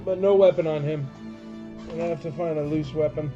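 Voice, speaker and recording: Higher-voiced man as a casual live auctioneer. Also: fairly even intonation, fairly quick, muffled recording, music in the background. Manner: informal auctioneer patter with emphatic calls. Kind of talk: auctioneer running a casual live collectibles sale.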